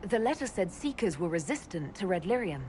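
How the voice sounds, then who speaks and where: A woman playing a calm, supportive elven mage heroine in a video game, speaking in a measured, assured manner. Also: fairly low pitch, a little hiss or hum.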